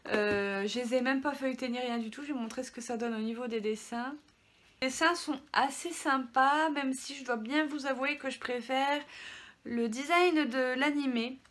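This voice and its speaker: High-voiced chatty French woman. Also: moderate pace, fairly bright tone. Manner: chatty, many fillers and restarts. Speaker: manga vlogger. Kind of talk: casual haul video.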